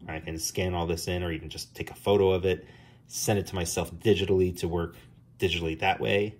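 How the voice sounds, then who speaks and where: A middle-aged man with a New Jersey accent walks through his drawing process in a relaxed, rambling way, full of ums and restarts. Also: low-pitched, fairly quick, slightly rough. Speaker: comic artist. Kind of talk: casual drawing tutorial.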